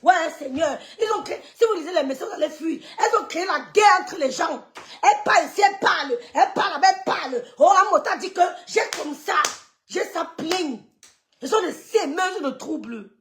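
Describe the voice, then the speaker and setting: A woman's voice: extremely high pitch, expressive, a little fast, a little hiss or hum. A middle-aged woman, ranting scornfully on a live stream and scolding people she accuses of stirring up trouble. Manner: scolding, scornful, repeats dismissive sucks of the teeth. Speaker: social media gossip streamer. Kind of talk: heated live-stream rant.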